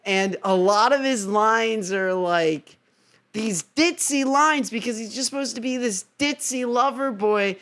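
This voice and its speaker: Vlog host, man, excitable and rambling, laughs a lot, slow delivery. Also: sits high. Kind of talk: casual review vlog.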